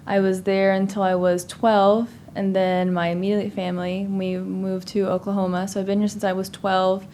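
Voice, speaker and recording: A woman's voice: mid-range voice, level tone, moderate pace, few pauses, warm tone, a little hiss or hum. A woman in her thirties, originally from Cuba, chatting upbeat as a guest on a podcast about her path into product work. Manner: upbeat, chatty, with frequent ums. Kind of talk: casual interview talk.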